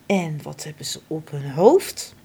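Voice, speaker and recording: A woman's voice: sits low, sing-song, a little slow, gravelly, dark tone, breathy edge, pitched below the performer's own voice, exaggerated voice. A woman voicing a curious young male fawn in a children's story, asking eager questions. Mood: awed.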